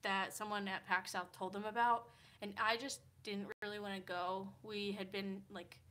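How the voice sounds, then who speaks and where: This woman's voice is medium in pitch with little movement, a normal pace, and a slightly bright tone. In her early twenties and from Kansas, USA, she sounds tired while chatting on a livestream from her hotel room, rambling through comments with heavy "like" use and frequent laughs.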